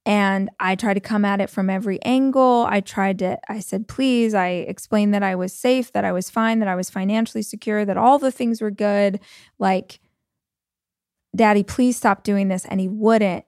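A woman's voice: mid-range voice, steady tone, normal speed, darkish tone, no room sound. Chatty woman in her forties, dry sound. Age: 40s. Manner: chatty, fills speech with 'like'. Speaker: podcast host. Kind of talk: casual personal storytelling.

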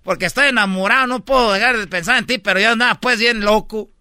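Mexican male comedy radio host, high and bright, playful slangy joke teller. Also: fast talker, clean tone, dry recording, clean studio sound.

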